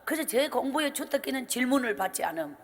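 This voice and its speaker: A middle-aged woman evangelist with a strong Gyeongsang accent preaches at a revival, her voice pitched high. She tells her story in an animated way and acts out every exchange. A long hall reverb trails her words through the church. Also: fast, gravelly, a little hiss or hum. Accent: Gyeongsang Korean. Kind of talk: revival sermon testimony. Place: church sanctuary.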